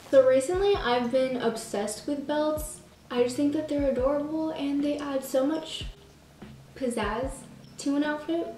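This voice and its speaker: A woman's voice: fairly high pitch, warm tone, distant mic, slight background noise. A teenage girl chatting through a clothing try-on haul, bubbly and chatty with self-mocking asides. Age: teens. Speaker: vlogger. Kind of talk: casual try-on haul chat. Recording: roomy sound from off the mic.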